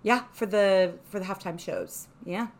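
A woman co-hosting a podcast talks in relaxed, filler-heavy chat, peppered with "like" and casual swearing. Her voice sits at an ordinary middle pitch. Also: measured pace. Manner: chatty, lots of "like", casual swearing. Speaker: podcast co-host.

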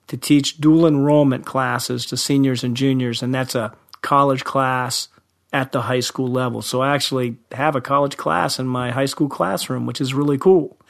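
A high school teacher in his 50s from Central Ohio, USA, appears as a guest on a podcast interview. His medium-pitched, creaky voice sounds young, and he's friendly and self-deprecating, laughing often.

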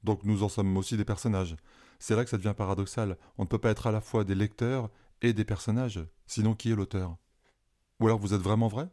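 A man's voice: lowish voice, steady tone, brisk, mellow, close to an everyday voice. A man voicing a curious, blunt young girl asking questions.

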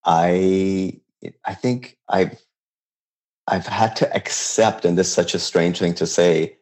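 This interview guest, a chef in his fifties from Iran, has a low, darkish voice with fairly even intonation. He talks in a casual, reflective, halting way, restarting sentences often and adding light laughs.

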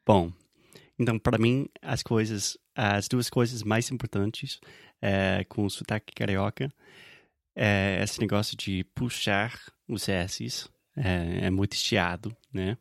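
A man's voice: lowish voice, fairly even intonation, takes it slowly, vocal fry, dry recording, studio quality. A man chatting casually as an interviewer, repeating example words to illustrate sounds. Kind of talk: casual chat.

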